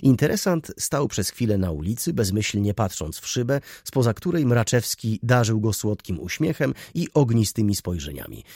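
Brief: male narrator, low and breathy, animated delivery, dry room. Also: normal speed, few pauses, no room sound. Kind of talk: audiobook narration.

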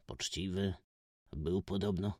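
A man reading as a hushed, weary gentleman stranger. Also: deep voice, fairly even intonation, slow, breathy edge, no echo, studio quality, exaggerated voice. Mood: subdued sorrowful. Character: reserved, weary gentleman stranger, middle-aged. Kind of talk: audiobook character voice.

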